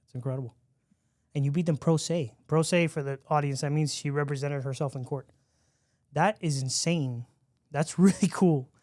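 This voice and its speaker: A man's voice: fairly high pitch, normal speed, a little mellow, dry recording, clean studio sound. A man hosting a podcast interview in casual chat, easygoing and chatty with frequent restarts and laughs. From lives in Miami. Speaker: podcast host.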